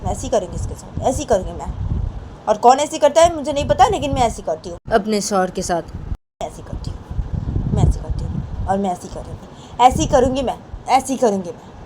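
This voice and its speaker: A woman's voice: medium pitch, lively intonation, a little fast, noisy background, voice pushed up, close to an everyday voice. A woman voicing a hot-tempered young wife who talks back shrilly and defiantly. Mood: furious.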